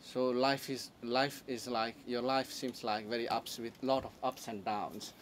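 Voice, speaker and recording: A man's voice: mid-range voice, unhurried. Young male interviewer, mid-range voice, filler-heavy questions, faint noise underneath. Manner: many fillers, steady yes and uh-huh. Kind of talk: sit-down interview. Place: room with bookshelves and a leather sofa.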